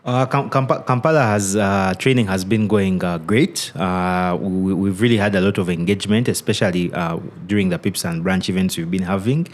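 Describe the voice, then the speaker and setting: A man speaking as a guest trading educator on a podcast, thoughtful and halting, with many "you know"s. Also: sits low. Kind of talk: casual podcast interview.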